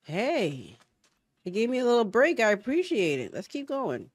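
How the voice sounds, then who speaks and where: A young woman commentates her gameplay, talking to the creatures on screen and to her viewers. Her fairly high voice leaps around wildly in pitch as she yelps and swears, then drops to low mutters. It is recorded close and dry. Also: moderate pace, dry recording. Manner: loud, excitable, yelps and swears at enemies. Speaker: gaming channel host.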